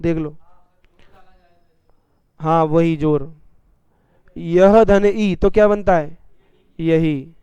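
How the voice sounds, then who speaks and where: A man teaching a classroom grammar lesson, dictating slowly and repeating phrases for students to write, with playful everyday examples. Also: on the high side, steady tone, warm tone, clear, resonant tone, dry recording. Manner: addresses students as "beta", jokey examples. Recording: dry, slightly dull classroom recording.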